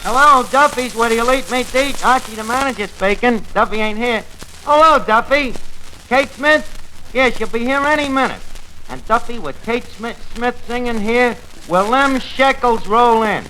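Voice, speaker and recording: Archie, a high-pitched New tavern schemer. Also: male voice, normal speed, pushed and bright. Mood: boastful. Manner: hesitant, bluffing, slangy, ungrammatical. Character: scheming, malaprop-prone male tavern manager. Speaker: comic lead of a tavern radio comedy. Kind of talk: 1940s radio comedy acting. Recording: noisy 1940s radio recording.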